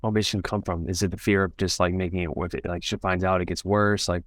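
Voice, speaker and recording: Fast-talking male marriage coach. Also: sits low, little pitch movement, dry recording, studio quality. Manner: affirming, checks in with "right?". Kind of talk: coaching interview.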